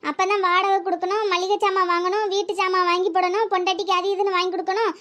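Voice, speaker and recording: A woman voicing a stern, sharp-tongued middle-aged village mother in a cartoon drama. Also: extremely high pitch, little pitch movement. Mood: scolding. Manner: scolding, rapid-fire rebukes.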